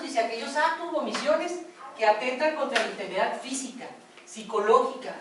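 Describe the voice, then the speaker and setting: A workshop instructor gives a classroom lecture with storytelling, chatting with students and often asking them to confirm they follow. Her voice is a little high, picked up from a distance in a very echoey room with background noise.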